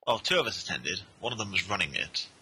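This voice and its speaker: A man with a raspy voice and a cough, chatting casually as a dry, correcting podcast co-host. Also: sits low, expressive, quick pace, sharp tone, rough recording. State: has a cough. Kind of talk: casual chat.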